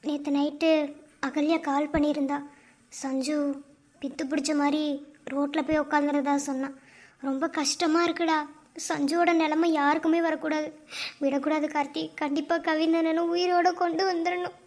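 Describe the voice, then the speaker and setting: A cheeky young cartoon wife, as a woman plays her, with a very high, light voice. She fires back quick, playful retorts and comforts friends in the same bright tone. The sound is plain and clear. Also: flat delivery, close to an everyday voice. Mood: comforting. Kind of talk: fan-made cartoon voice acting.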